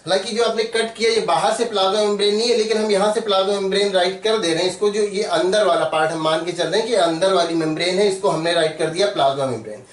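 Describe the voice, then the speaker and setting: High-voiced man teaching in an echoey room. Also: fast talker, hardly any pauses, distant mic. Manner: patient, repeats terms and spells them out. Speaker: biology teacher. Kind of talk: step-by-step drawing tutorial.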